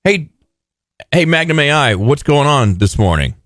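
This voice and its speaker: A man's voice: fairly high pitch, big pitch swings, moderate pace, a bit bright, dry recording. A man hosting live radio with casual, teasing, joking banter in a studio. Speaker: radio host.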